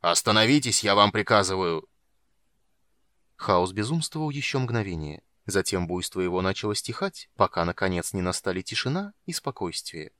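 Low-voiced man reading a fantasy audiobook. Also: a little fast, few pauses, dry recording. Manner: lively, dramatic delivery. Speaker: audiobook narrator.

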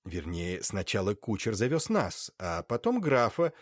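A man's voice: on the low side, wildly swooping pitch, measured pace, dry recording, studio quality, exaggerated voice. A man voicing a curt, irritable young nobleman. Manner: curt, annoyed.

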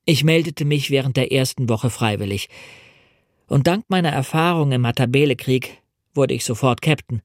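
A man reading a novel aloud as an audiobook in a measured, dramatic first-person storytelling manner, in a studio. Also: mid-range voice, no room sound. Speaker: audiobook reader. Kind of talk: scripted audiobook narration.

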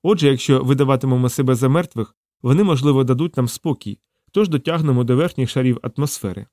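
A man voicing a tough, blunt female shuttle pilot in an audiobook, raising his pitch for her and speaking curtly. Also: quick pace, warm tone, no echo, studio quality, natural voice. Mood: tense.

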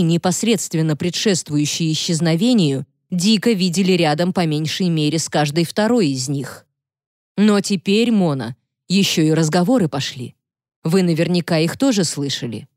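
A woman reading the lines of a serious male defense lawyer in an audiobook, firm and measured. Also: lowish voice, a little mellow, dry recording, clean studio sound, lightly acted.

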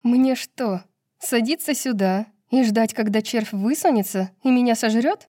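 A woman's voice: a little high, a little slow, warm tone, no room sound, clean studio sound, voice pushed up, lightly acted. A woman voicing a bold, impulsive young heroine who speaks urgently in a slightly raised voice.

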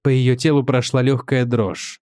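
A man reading a short story aloud as an audiobook narrator, in a measured, dramatic way. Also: mid-range voice, level tone, darkish tone, dry recording, clean studio sound. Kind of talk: scripted narration.

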